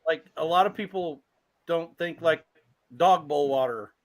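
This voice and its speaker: Male guest, high bright voice, chatty. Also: a little slow. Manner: chatty, folksy, teasing. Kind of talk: casual chat.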